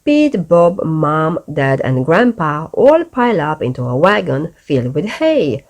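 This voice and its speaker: A low-pitched woman reads a children's picture book aloud as a bedtime story. Her delivery is expressive and deliberate, pitched for young listeners.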